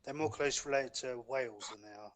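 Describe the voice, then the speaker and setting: A man with an average-pitched voice, talking as a podcast co-host. His delivery is casual and blunt, with plenty of swearing thrown into the banter. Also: fairly quick.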